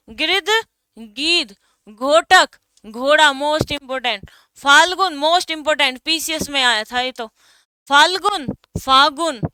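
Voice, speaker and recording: A young woman with a high voice teaches an exam coaching lesson. She reads word pairs out one by one and leans hard on the items that matter most. She speaks slowly and evenly. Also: sharp tone, dry recording. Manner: drills word pairs, stresses key items.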